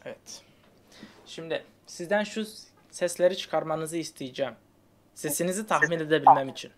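A woman's voice: sits low, normal speed, darkish tone. A woman pranking strangers over video chat, teasing them with slangy, playful patter and a mock magic trick. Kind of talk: casual trolling chat with strangers.

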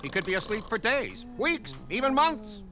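A pompous walrus doctor in a cartoon, deadpan and ponderous. His pitch rolls up and down, with music clearly behind him. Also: moderate pace, full character voice. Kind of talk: cartoon voice acting.

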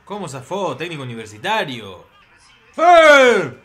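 A man giving live reactions to a football match, breaking into excited shouts at big plays. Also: mid-range voice, brisk.

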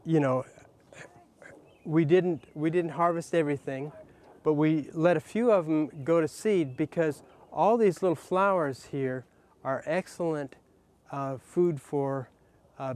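Older man, farmer, slow halting talk, throat clearing, outdoors, lapel mic. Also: fairly high pitch, a little mellow. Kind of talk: casual explanation on a farm tour. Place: outdoors in a garden and greenhouse.

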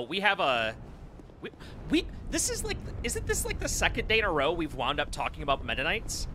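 A man's voice: on the high side, pushed and bright, slight background noise. Swearing, rambling male game streamer. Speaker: gameplay streamer. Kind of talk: casual gameplay commentary.

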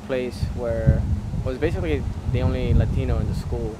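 A man from Chile, a band member, talking in a relaxed, hesitant way in an interview outdoors. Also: mid-range voice, a little fast, heavy background noise. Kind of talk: casual interview. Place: outdoor plaza.

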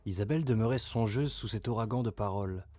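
A man narrating an audiobook in a dramatic, expressive reading. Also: on the low side, fast. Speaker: audiobook reader. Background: ambient soundtrack music.

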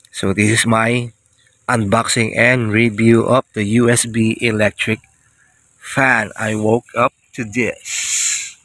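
A man in his thirties with a Filipino accent gives a casual, playful product review for a vlog, speaking into a phone camera. His voice is fairly low in pitch with a fairly bright tone, and the recording is dry and rough. He starts in an open-air beach hut at night and later moves inside a tent.

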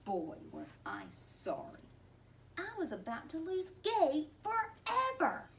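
A woman telling a picture-book story aloud to listeners, expressive and playful. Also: very high voice, slow, creaky. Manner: expressive, with lots of vocal play. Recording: distant mic, faint background noise.

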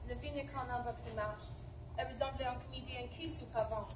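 A woman recites verse on stage in a measured, declamatory manner. Her voice sits high. She is heard from some distance, with room echo around her. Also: fairly even intonation, a little hiss or hum. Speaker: performer reciting translations. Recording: echoey stage from far off.

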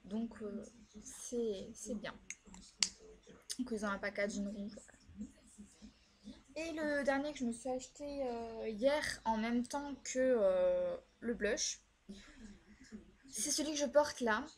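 A woman's voice: on the high side, takes it slowly, pauses often, a little mellow. A young woman chatting casually as a vlogger reviewing her makeup purchases, filling her talk with hesitations. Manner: chatty, many fillers and "voilà". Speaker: beauty vlogger.

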